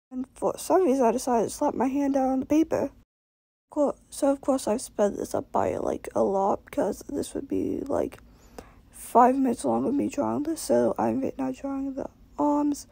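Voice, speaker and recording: Tired young woman with heavy vocal fry. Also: high voice, mellow, dry recording. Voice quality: creaky. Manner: tired, exhausted-sounding. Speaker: amateur artist narrating own drawings. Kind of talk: casual voice-over on a sped-up drawing video.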